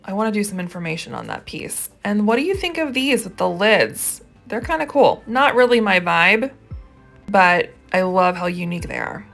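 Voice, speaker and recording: A woman's voice: mid-range voice, sing-song, moderate pace, creaky, fairly bright tone, soft background music. A woman host narrating a casual thrifting vlog, gushing with enthusiasm over each find.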